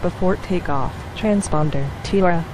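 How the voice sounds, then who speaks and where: A woman's voice: fairly low pitch, unhurried, over music, low-quality recording. A woman playing airline pilot in a flight simulator, reading checklists and radio calls in clipped cockpit headset style over a headset mic. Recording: steady background hum.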